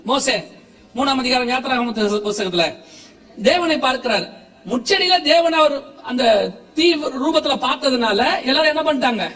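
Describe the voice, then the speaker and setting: A man with a Tamil accent preaching a lively sermon, often laughing as he asks the congregation questions. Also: very high voice, moderate pace. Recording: echoey hall from far off.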